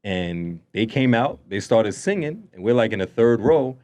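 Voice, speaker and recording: A man's voice: fairly low pitch, lively intonation, moderate pace, a little mellow. A young man co-hosting a casual podcast chat, telling stories with lots of restarts and laughter. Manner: rambling storyteller, stammers and restarts, laughs often. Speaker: podcast co-host.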